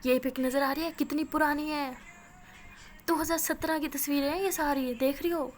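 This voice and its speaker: A woman's voice: high-pitched, fairly even intonation, moderate pace, faint music behind, pitched above the performer's own voice, lightly acted. A woman doing an exasperated college girl. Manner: exasperated, protesting. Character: indignant young college woman, quarrelsome, defensive.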